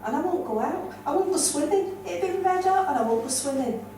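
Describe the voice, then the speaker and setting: A woman's voice: high-pitched, animated, brisk, warm tone. An older woman from the North West of England with a Lancashire accent, performing a blunt, self-mocking stand-up set. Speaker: stand-up comedian. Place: comedy club stage. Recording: roomy and distant with audience noise.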